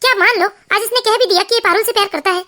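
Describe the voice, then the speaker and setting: A woman's voice: extremely high pitch, very fast, bright, forceful tone. A woman voicing a strong-willed older mother-in-law who comforts her daughter-in-law and scolds her son. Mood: firm, comforting. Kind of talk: storybook cartoon voice acting.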